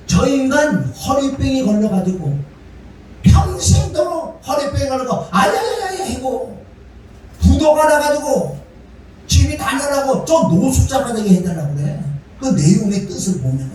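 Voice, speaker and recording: A man preaching a sermon as pastor, animated and often calling the congregation to say amen. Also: very high-pitched, a little hiss or hum. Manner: animated, calls for amens. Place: church sanctuary. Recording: echoey church hall from far off, music behind.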